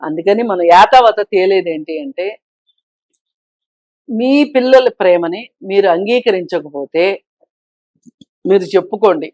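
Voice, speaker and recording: A woman guest on a talk show, giving her opinions forcefully and pressing her point with rhetorical questions. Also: medium pitch, measured pace, long pauses, no echo. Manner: emphatic, argues with rhetorical questions. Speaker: social commentator guest.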